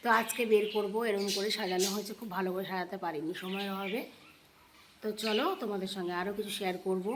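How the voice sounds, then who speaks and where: A woman with a hoarse voice chatting directly to her viewers in a casual home vlog, filmed on a handheld phone. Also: mid-range voice, fairly even intonation, fast, noisy background. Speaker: vlogger. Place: at home, indoors and on a balcony.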